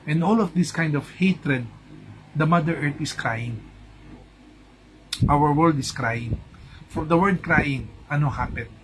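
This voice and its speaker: Man, Filipino accent, chatty feng shui coach, slightly high voice, faint room noise. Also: slow pace, pauses often, a bit bright, rough recording. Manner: chatty, mixes in English, asks "di ba?" often. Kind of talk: casual live talk to an audience.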